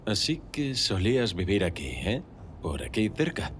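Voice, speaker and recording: A man with a Castilian Spanish accent playing a quiet, friendly café worker in an erotic audio drama, casual and gently flirtatious. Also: on the low side, big pitch swings, a little slow. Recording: noticeable background noise.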